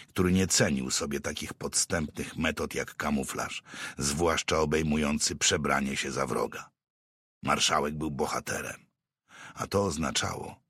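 A man reading an audiobook novel aloud in a steady, measured storytelling manner. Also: very deep voice, husky, no echo, studio quality. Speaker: audiobook narrator. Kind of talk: scripted narration.

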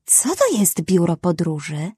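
A woman voicing a greedy, pompous male jungle snake, with slow, drawn-out threats. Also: fairly low pitch, animated, warm tone, breathy edge, no room sound, studio quality, heavily acted. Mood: demanding.

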